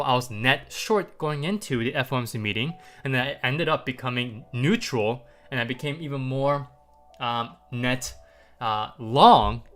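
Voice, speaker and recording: Talking casually to his livestream viewers about the markets, a man speaks with a medium-pitched, slightly bright voice that's a bit stuffy from congestion. His chatty style is packed with "um" and rhetorical "right?", broken up by light chuckles.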